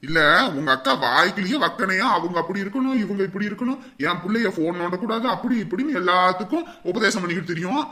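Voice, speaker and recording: A man's voice: high voice, animated, fast, few pauses, pushed and bright. A man voicing a short-tempered, bullying husband and father in a cartoon, scornful and mocking. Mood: sneering.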